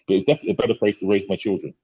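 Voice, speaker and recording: A man's voice: fairly low pitch, racing, slightly rough. A middle-aged man, a podcast guest chatting casually, rambling with many restarts and tag questions. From England. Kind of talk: casual chat. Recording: dull lo-fi sound.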